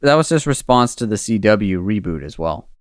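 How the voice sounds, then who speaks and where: Animated low-voiced male podcast host. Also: moderate pace, no room sound, clean studio sound. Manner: animated, playful. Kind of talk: casual chat.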